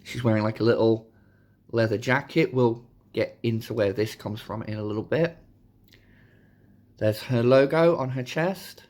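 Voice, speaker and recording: A man hosting a casual, chatty toy review, his voice hoarse from a sore throat. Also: mid-range voice, a little slow, darkish tone. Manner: informal, chatty. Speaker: host of a toy review channel.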